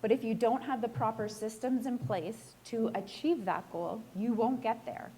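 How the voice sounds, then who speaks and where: Hoarse and close to losing her voice, a realtor chats with a room during a casual live presentation. She pokes fun at herself and asks the audience questions. Her fairly high voice has a warm tone and a moderate pace, over slight background noise.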